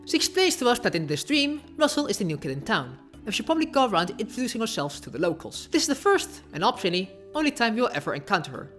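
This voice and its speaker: A woman's voice: mid-range voice, sing-song, quick pace, hardly any pauses, faint music behind. A woman narrating a casual video essay with sarcastic, offhand asides.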